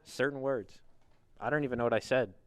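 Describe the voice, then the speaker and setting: A young man with a Boston accent doing excitable, joking play-by-play commentary on an esports match. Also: medium pitch, brisk, no room sound. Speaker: esports caster. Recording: steady background noise.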